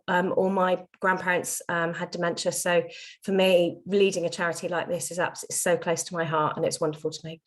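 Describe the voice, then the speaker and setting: A woman with a croaky voice, a charity chief executive speaking on a video call, hesitant with many fillers. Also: on the low side.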